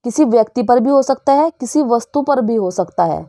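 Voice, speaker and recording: A woman's voice: on the high side, expressive, moderate pace, mellow, dry recording. A woman teacher with an Indian English accent explaining English grammar in Hindi, often asking her students questions. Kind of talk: grammar lesson.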